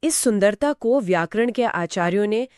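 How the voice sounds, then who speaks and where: A woman co-presenting an exam-prep grammar lesson, explaining terms and examples in an even, affirming way. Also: mid-range voice, moderate pace, smooth, no echo, studio quality. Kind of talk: scripted two-voice exam lesson.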